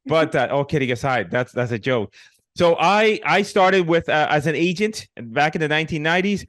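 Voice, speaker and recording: A man's voice: on the high side, animated, normal speed, a bit bright, no room sound, clean studio sound. Puerto Rican man, joking interview guest. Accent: Puerto Rican Spanish. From Puerto Rico. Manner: joking, many fillers and restarts. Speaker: guest, real estate investor. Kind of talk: casual interview storytelling.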